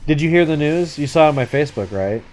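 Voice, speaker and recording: A man's voice: on the high side, lively intonation, fast, a little mellow. Casual, slangy male game streamer over music. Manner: casual slangy speech with swearing. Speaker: live streamer. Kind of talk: casual live game-stream commentary and chat.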